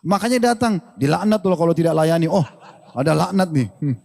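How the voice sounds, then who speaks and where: Male preacher, warm slightly high voice, animated lecture, echoing hall. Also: fairly quick, creaky. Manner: animated, rhetorical questions, jokes and laughs with the crowd. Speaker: Islamic preacher. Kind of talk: religious lecture to an audience. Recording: long hall reverb.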